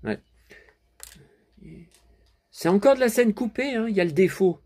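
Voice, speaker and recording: A man's voice: sits high, animated, a little slow, mellow. A man giving a casual running commentary while watching a DVD, chatty, often turning to his viewers and muttering to himself when flustered. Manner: chatty, keeps addressing viewers with tag words. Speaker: vlogger reviewing a DVD.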